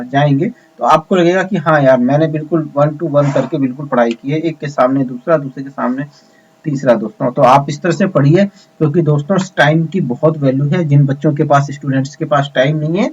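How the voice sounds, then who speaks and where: Man, teacher, exam coaching lesson, repetitive, rhetorical questions, slightly high voice, dull lo-fi sound. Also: a little mellow, husky. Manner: repetitive, addresses students as friends, rhetorical questions.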